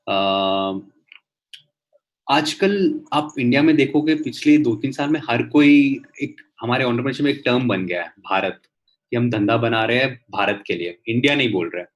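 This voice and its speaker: A man's voice: mid-range voice, muffled recording. A man talking casually as a guest entrepreneur on a video call, with many fillers and restarts.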